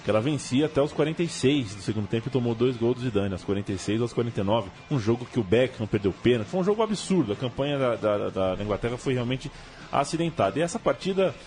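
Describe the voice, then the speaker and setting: A man's voice: mid-range voice, animated, fast talker, darkish tone. A man with a Brazilian accent casually telling football stories as a show host. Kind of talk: casual football storytelling chat.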